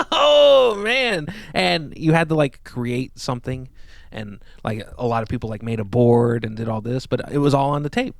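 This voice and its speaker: Man, podcast host, casual rambling talk, mid pitch, dry sound. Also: expressive, moderate pace, creaky, dry recording. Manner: rambling, laid-back, often trails off quietly. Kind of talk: casual chat.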